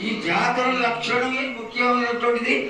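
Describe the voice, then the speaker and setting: A man's voice: extremely high pitch, completely flat delivery, moderate pace, pushed and bright. A man speaking as a priest in ritual supplication, pleading deferentially in long, flowing requests. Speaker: priest questioning and appeasing the oracle. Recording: echoey, distant mic with faint noise.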